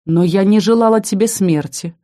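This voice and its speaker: A woman's voice: mid-range voice, normal speed, dark tone, natural voice. A woman voicing a stern young female fantasy warrior who talks in a firm, commanding way.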